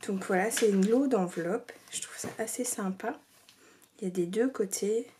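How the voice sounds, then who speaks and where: A woman's voice: mid-range voice, moderate pace. A woman vlogger chatting casually while showing scrapbooking mail, hesitant with many fillers and sometimes dropping to a near-whisper. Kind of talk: casual craft show-and-tell. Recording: faint background noise and clicks.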